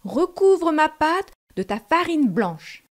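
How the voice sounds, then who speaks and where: A woman's voice: high-pitched, very animated, slow pace, pitched above the performer's own voice, exaggerated voice. A woman voicing a sly, menacing male wolf in a storybook who fakes a mother's voice and talks in a coaxing manner. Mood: threatening. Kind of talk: storybook narration.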